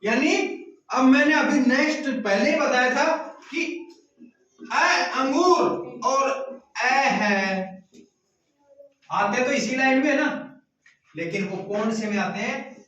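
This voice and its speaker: A male teacher giving a slow classroom lecture, repeating questions to his students and answering them himself. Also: extremely high pitch, sharp tone. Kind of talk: classroom lecture on Hindi grammar. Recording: distant, echoey, muffled room recording.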